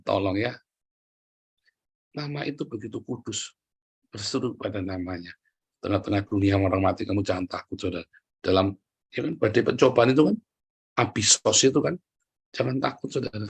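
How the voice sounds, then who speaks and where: Husky-voiced man preaching with jokes. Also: lowish voice, normal speed, long pauses. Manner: lively, joking preaching, keeps addressing the congregation. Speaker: pastor. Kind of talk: sermon.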